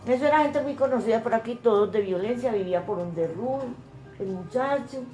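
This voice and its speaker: A woman's voice: a little high, moderate pace, dark tone, soft background music. Older woman with a Paisa accent. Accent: Colombian Paisa Spanish. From Colombia. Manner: emotional storytelling, acting out quoted voices. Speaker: interviewee. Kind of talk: oral history testimony.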